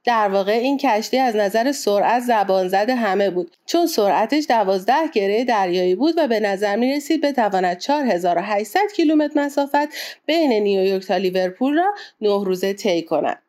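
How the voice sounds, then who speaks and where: A woman narrating a classic adventure novel in a steady, clear reading voice. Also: medium pitch. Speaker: audiobook narrator. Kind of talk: storybook narration.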